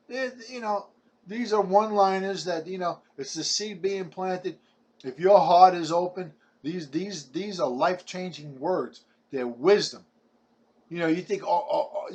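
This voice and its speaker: His voice a little high, a man in his seventies with a New York accent, from Brooklyn, addresses the camera in a rambling personal testimony. He speaks haltingly and in a chatty, preachy way, often repeating his words.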